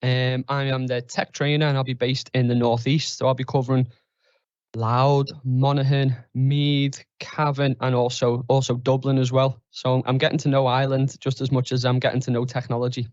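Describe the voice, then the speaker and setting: A young man with a Liverpool accent talks easily about his new job and keeps his answers modest and candid. His voice sits at an ordinary pitch. The recording is dry and a little dull, as on a lo-fi podcast mic. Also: level tone, normal speed, a little mellow, dry recording. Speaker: guest, tech trainer. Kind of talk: casual interview answers. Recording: dry, slightly dull lo-fi sound.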